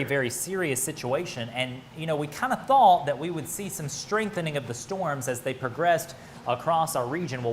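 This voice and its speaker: A man's voice: on the high side, slight background noise. An American man giving live, ad-libbed severe weather coverage, speaking urgently and emphatically with direct appeals to listeners. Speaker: weather broadcaster.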